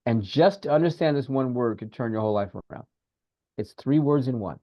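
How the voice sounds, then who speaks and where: A man co-hosting a casual podcast, talking in an animated, repetitive way and coaching a listener through a guided breathing exercise over a video call. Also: mid-range voice, fairly quick, no echo, lo-fi sound. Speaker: podcast co-host, spiritual teacher.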